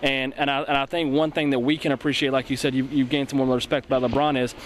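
A young man runs through post-game analysis at a rapid clip, earnest and full of restarts. He speaks into a handheld mic in an empty arena. Faint ambience hums behind him. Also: medium pitch, level tone, slight background noise. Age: young adult. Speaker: sports broadcaster co-host. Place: empty indoor basketball arena. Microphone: handheld mic held by co-host.

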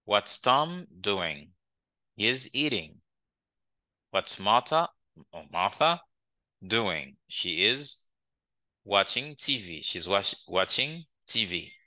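Male English teacher, low bright voice, close dry sound, slow repeated drills. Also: sing-song, no room sound. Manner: drills English phrases slowly, asks "ok?" often. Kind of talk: language lesson.

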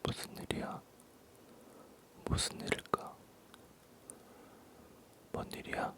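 A man whispering a rambling ASMR talk in a breathy, barely audible low voice, halting and softly repeating words. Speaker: ASMR creator.

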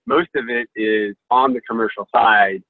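A man answers on a webinar panel over a video call that keeps breaking up. His tinny, narrow call audio sounds dry and close, with no room around it. He explains in a measured, steady way, full of "uh" and "if you will.". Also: medium pitch, dry recording. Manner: measured, filler-heavy explaining. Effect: heard over a video call that cuts out. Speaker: investor panelist.

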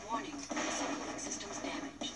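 A woman voicing a computer alarm that calls out an overheating missile in clipped, urgent warnings. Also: a little fast. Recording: distant game audio under loud music.

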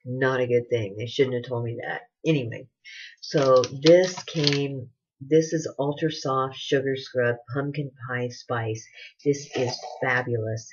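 With a bass voice that is slightly rough, fairly even in intonation and measured in pace, a woman in her forties rambles through a casual product haul at home. This beauty vlogger gushes over each item, recorded indoors on a desk-distance webcam with dull, noisy lo-fi sound.

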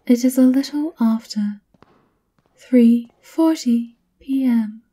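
On the high side, a woman's whisper carries the politely servile tone of a subservient maid to a vampire countess. In this ASMR roleplay she speaks softly, formally and with measured breathiness.

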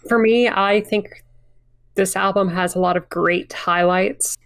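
A woman co-hosting a music podcast, giving measured album verdicts and bluntly teasing her co-hosts. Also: mid-range voice, steady tone, creaky, no echo, clean studio sound. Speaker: podcast co-host. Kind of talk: casual album review chat.

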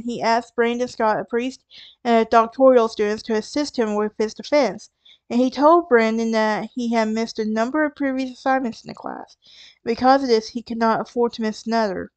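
A woman's voice: a little high, normal speed, smooth, no echo. A woman with a Southern US accent, narrating a true crime podcast in a conversational way, with wry asides and restarts. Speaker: podcast host.

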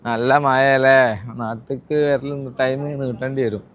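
A man's voice: medium pitch, flat delivery, a little slow. A man with a northern Kerala Malabar accent chatting casually as a live-stream vlogger, greeting viewers and repeating his phrases and questions. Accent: northern Kerala (Malabar) Malayalam. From Kozhikode district, Kerala, India.

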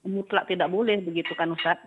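A woman's voice: fairly low pitch, steady tone, fast talker, a little hiss or hum. A woman calling in to a radio show over the phone, politely asking a religious teacher questions and often adding a respectful title of address. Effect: caller heard over a phone line on air. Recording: dull, lo-fi phone line.

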